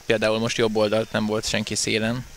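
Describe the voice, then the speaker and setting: Male sports analyst, co-commentary, level mid-pitched delivery, slight background noise. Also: completely flat delivery, fairly bright tone. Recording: faint background venue noise.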